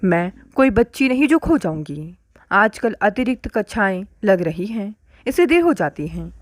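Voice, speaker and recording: A woman's voice: mid-range voice, sing-song, normal speed, dry recording, clean studio sound, lightly acted. A woman voicing an irritated young college-going daughter who snaps back, in a storybook reading. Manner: snappish, talking back.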